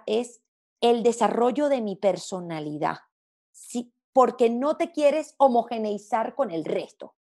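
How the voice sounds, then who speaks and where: This interview guest, a Venezuelan gastronomy journalist, has a slightly high, darkish voice with vocal fry. Speaking Spanish in a hard-to-place mix of Latin American accents, she comes across as reflective and expressive.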